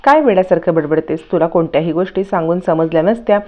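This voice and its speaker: A woman's voice: on the low side, quick pace, narrow, tinny audio, close to an everyday voice. A woman voicing a defensive young bride-to-be who answers snappishly, in a TV serial recap.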